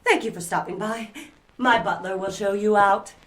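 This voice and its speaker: In an audio drama, a woman with a medium-pitched, somewhat bright voice voices a proper, haughty, wealthy society mother of middle age. She speaks at a moderate pace in a lightly acted, formal, genteel and condescending way, sounding dismissive and embarrassed.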